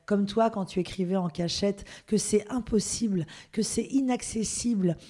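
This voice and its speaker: A woman's voice: mid-range voice, normal speed, mellow. A woman interviewing an artist, reflecting on his story and affirming what he says. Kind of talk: interview questions.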